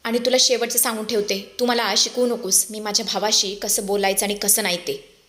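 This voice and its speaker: A woman voicing an arrogant young sister who scolds and shouts. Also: medium pitch, fairly even intonation, a little fast, lightly acted. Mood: scolding.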